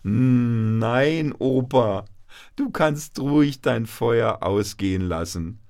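A man's voice: mid-range voice, expressive, drawn-out words, creaky, a little mellow, pitched above the performer's own voice, full character voice. A man doing eager little grandchildren. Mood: protesting. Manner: eager, stammering questions. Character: small grandchildren, eager and curious.

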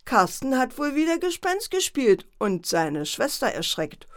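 A woman voicing a calm, amused father in a children's story, in a wry, unhurried voice. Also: high voice, no echo, clean studio sound, pitched above the performer's own voice. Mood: knowing.

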